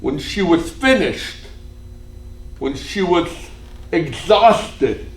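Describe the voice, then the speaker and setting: A man, a priest, telling a story in a retreat sermon, dropping to a hush and rising to shouts. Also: fairly high pitch, big pitch swings, very slow. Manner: dramatic storytelling, swings from hushed to shouting. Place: cathedral. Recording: echoey church hall, faint room noise.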